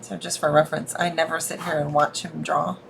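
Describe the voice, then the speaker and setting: A woman's voice: low voice, level tone, fairly quick, gravelly, a little hiss or hum. A woman bantering and teasing on a casual livestream, laughing often. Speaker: co-host.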